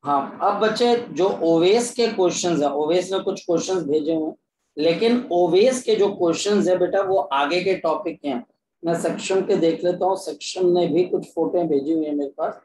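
A man's voice: high-pitched, a little mellow. A man teaching a physics class online in a coaxing, repetitive way, often calling his students "kids". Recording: echoey room with faint ambient noise.

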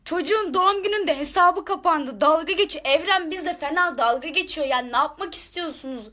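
A woman's voice: sits high, fairly quick, sharp tone. A woman ranting angrily to her viewers in a live stream, exasperated and shaking with anger, firing the same questions again and again. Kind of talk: angry live-stream rant.

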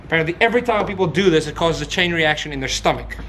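High-pitched, excitable young man, very animated. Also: very fast, reverberant. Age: young adult. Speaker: challenge host. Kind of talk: casual banter with friends on camera. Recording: noisy camera sound with clear background noise.

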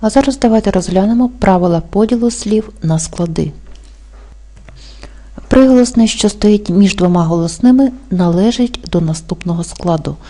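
A woman teaching an exam-prep language lesson, explaining rules slowly and carefully and spelling out example words. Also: medium pitch, warm tone. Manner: slow, careful dictation-like delivery.

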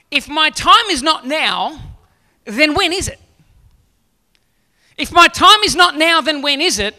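This forties-aged pastor's very high-pitched voice comes across bright and forceful. Holding a handheld mic on the church stage, he jokes with his congregation, then turns to pointed questions during his sermon.

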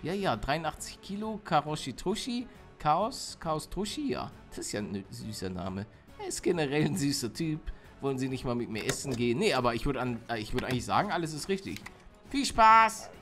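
Lively man joking through a game. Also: mid-range voice, brisk, faint music behind. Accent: German. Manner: jokey, reads game text aloud, animated. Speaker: gaming YouTuber. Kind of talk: let's play commentary.

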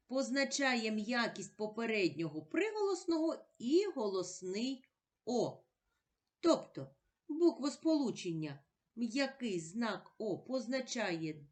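Slow, deliberate woman teacher spelling out sounds. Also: mid-range voice. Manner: asks questions then answers them herself. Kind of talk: recorded primary-school lesson for children.

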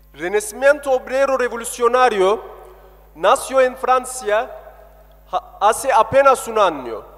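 High-pitched man orating in an echoey hall. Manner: declamatory, impassioned oratory in short emphatic phrases. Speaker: political activist giving a speech at a rally. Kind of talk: political rally speech. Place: indoor hall at a public meeting, speaking from a lectern. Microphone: stand microphone at lectern through PA. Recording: echoey hall, long reverb.

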